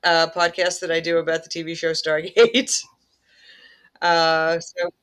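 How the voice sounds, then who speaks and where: Brief: male podcast host, high voice, bright and crisp, easygoing banter. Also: completely flat delivery, slow. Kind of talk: casual chat.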